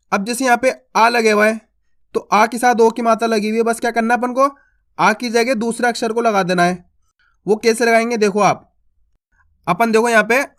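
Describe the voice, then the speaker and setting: High-voiced man teaching Hindi syllables. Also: fairly bright tone. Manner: slow, drawn-out syllables, asks and answers his own questions. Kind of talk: teaching children to read.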